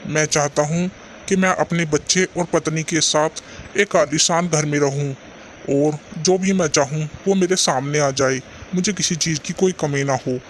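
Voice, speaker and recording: A man's voice: on the high side, slight background noise, lightly acted. A man voicing a poor young junk seller in a cartoon story, earnest and caring, sometimes despairing. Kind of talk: cartoon voice acting.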